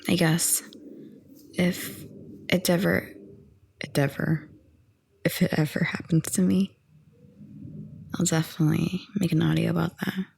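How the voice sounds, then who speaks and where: Soft-spoken young woman with gravelly fry. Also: fairly low pitch, unhurried, long pauses, a little hiss or hum. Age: 20s. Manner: rambling, calm, chatty with soft laughs. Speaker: ASMR audio creator. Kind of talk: soft-spoken ASMR chat.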